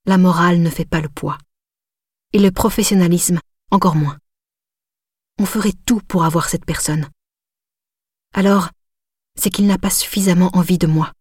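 A woman narrating a novel in the first person, in an intimate, measured way. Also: on the low side, darkish tone, no echo, studio quality. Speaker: audiobook narrator.

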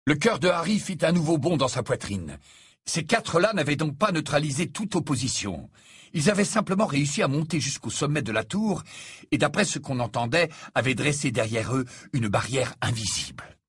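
A man narrating a novel in a measured, dramatic reading. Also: on the high side, sing-song, slightly rough, no echo, clean studio sound. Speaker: audiobook reader. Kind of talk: scripted narration.

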